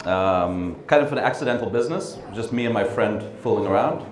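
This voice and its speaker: A middle-aged man giving a training lecture, relaxed, with frequent ums and tag questions. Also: on the low side, fairly quick, a crowd in the background. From born in Russia, raised in the United States and the Netherlands. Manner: relaxed, frequent ums and uhs, asks "right?" often. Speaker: training speaker. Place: conference room. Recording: echoey room.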